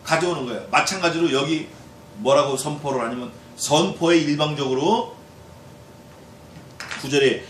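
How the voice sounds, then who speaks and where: A male pastor giving a Bible exposition sermon in a lively way, acting out quoted voices and putting questions to the congregation. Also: on the high side, normal speed, long pauses. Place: church hall. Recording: echoey church hall, distant mic, faint noise.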